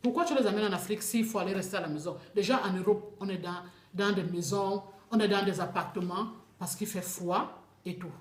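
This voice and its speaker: A woman with a Cameroonian French accent talks about her life in a casual, animated way, tripping over words and repeating herself as she goes. Her voice sits at an ordinary middle pitch. The recording carries a roomy echo. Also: brisk. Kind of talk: casual spoken testimony.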